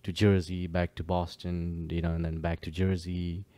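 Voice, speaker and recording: A man with a very low, warm and mellow voice talks in an easygoing podcast chat. He speaks with relaxed fillers and restarts. The sound is dry and close. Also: moderate pace, no echo. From Kenya. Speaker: guest, DJ and producer.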